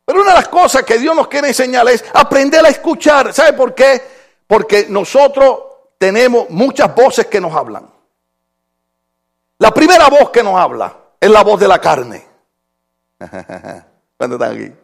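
A man's voice: very high-pitched, lively intonation, moderate pace. An older man preaching a sermon as pastor, asking his congregation rhetorical questions and telling stories.

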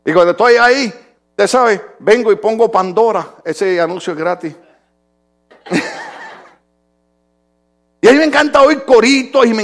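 A male pastor delivers a lively, humorous sermon in a high, gravelly voice. His pitch leaps around, and he swings between loud bursts and quiet, almost confiding asides. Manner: animated preaching with humor, shifting from loud to quiet.

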